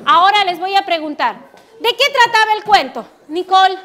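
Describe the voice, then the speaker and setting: A woman teacher telling a story to children and asking them questions in an animated, sing-song way in a rural school classroom. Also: extremely high pitch, moderate pace, crowd noise, noisy background.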